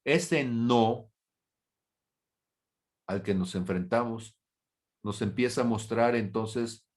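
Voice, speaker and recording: A male pastor teaching a Bible class at an unhurried, measured pace. His voice sits at an ordinary pitch, and he poses rhetorical questions, now and then jumping up into quick little acted-out dialogues. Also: a little mellow. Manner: acts out brief imagined dialogues in a raised voice. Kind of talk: sermon.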